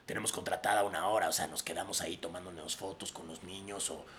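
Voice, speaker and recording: A man putting on the low, raspy voice of a chain-smoking grown man hired to dress as an elf. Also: steady tone, fast talker, fairly bright tone. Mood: laid-back gruff.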